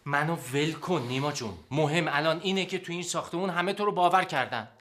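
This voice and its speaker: A sly, teasing doctor colleague, played by a man, with a fairly high voice. He needles his friend in a dry, mocking tone, as in a TV sitcom. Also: fairly bright tone, natural voice.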